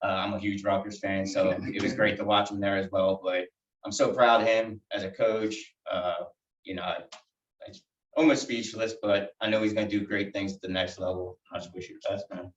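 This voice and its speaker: Man, youth coach, low voice, hesitant speech, dull and distant in an echoey chamber. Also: level tone. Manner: halting, hesitant, many fillers. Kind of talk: public tribute at council meeting. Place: council chamber. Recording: dull, echoey room from far off.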